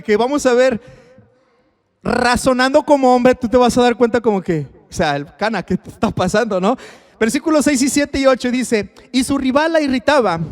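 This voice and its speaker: A man's voice: very high voice, big-room sound. A male pastor with a Mexican accent preaching on marriage in a conversational way, often asking the congregation questions. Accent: Mexican Spanish. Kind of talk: sermon on marriage. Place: church hall.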